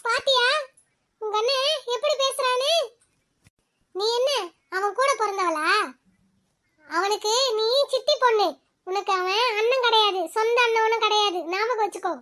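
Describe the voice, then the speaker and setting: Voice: extremely high pitch, measured pace, long pauses, pushed and bright, full character voice. ஒரு குரல் நடிகர் கடுமையாகத் திட்டும் வயதான தாயாக, கேலியுடன் பேசுகிறார். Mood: scolding. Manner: scolding, sarcastic. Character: scolding older mother, sharp-tongued.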